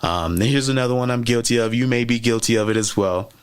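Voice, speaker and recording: This man's voice is medium-pitched and clean, and he talks a little fast. A podcast host with French as his first language, he gives a chatty motivational lesson, repeating important phrases and tossing in "right?" often.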